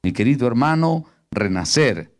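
A male preacher giving a sermon, firing rhetorical questions at his congregation and swinging between loud emphatic lines and hushed low ones. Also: sing-song, normal speed.

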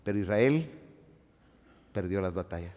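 A man preaching a sermon as pastor, swinging from shouting to hushed asides. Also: low-pitched, lively intonation, a little slow. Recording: long hall reverb.

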